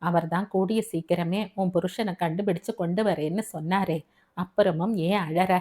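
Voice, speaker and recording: A woman's voice: lowish voice, steady tone, normal speed, warm tone, lightly acted. A woman voicing an anxious, loving middle-aged mother in an audio novel, fretful and motherly. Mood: soothing. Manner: soothing then scolding.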